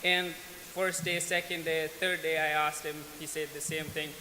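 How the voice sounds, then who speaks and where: A man's voice: on the high side, flat delivery, bright, forceful tone. A man, earnestly telling his life story as a guest speaker at a church. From Afghanistan. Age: 20s. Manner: earnest, plain-spoken, unhurried, with small restarts. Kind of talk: personal testimony. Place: large church hall. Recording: echoey church hall, faint hiss.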